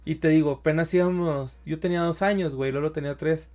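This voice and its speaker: A young Mexican man, a stand-up comedian, telling stories in a slangy, animated way and acting out what people said. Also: on the high side, fast. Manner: animated storyteller, slangy, acts out quotes. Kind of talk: casual podcast chat.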